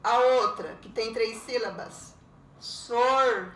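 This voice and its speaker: A middle-aged woman, a primary school teacher walking children through their homework. She talks slowly and patiently, checking in with little tags as she goes. The recording is roomy, she sits a bit back from the mic, and a faint hiss runs underneath. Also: mid-range voice, lively intonation, fairly bright tone. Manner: slow, patient, explains step by step with frequent "né?" and "tá?". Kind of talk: recorded remote lesson correcting homework. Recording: roomy echo, voice a bit far from the mic, faint background noise.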